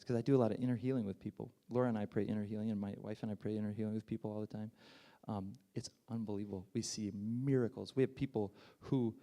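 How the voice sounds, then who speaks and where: A man's voice: fairly low pitch, dark tone. A man preaching a sermon with emotion, building to fervent peaks and falling back to near whispers.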